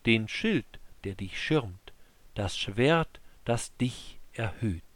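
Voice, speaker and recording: This man's scripture reading for an audiobook is unhurried and solemn, measured phrase by phrase, though his voice has an animated quality. He speaks in a normal middle pitch, and the sound is close and dry with no room sound at all.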